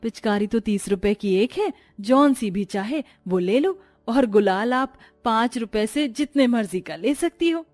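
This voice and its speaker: A chatty cartoon shopper, put on by a man in falsetto haggles briskly in a high voice. She sounds practical and quick to strike a deal. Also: lively intonation, a little mellow, faint music behind. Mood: bargaining. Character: chatty female customer, bargaining.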